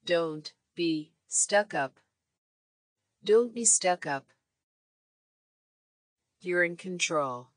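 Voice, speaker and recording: A woman reading short English phrases for learners, saying each one three times in a measured, clear way. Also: on the low side, lively intonation, dry recording, studio quality. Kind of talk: slow repeated phrase drills.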